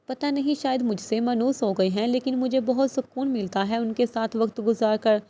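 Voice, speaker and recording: A gentle, quiet young woman carrying sadness, in a storybook reading, voiced by a woman narrator. Her voice is fairly high and soft. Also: close to an everyday voice.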